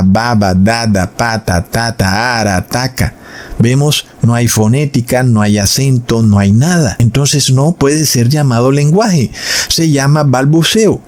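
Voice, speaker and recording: A man's voice: medium pitch, a little mellow. A man giving an explanatory commentary on religion, teaching in a didactic way, addressing listeners as brothers, and demonstrating pronunciations aloud. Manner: demonstrates pronunciations and baby babble.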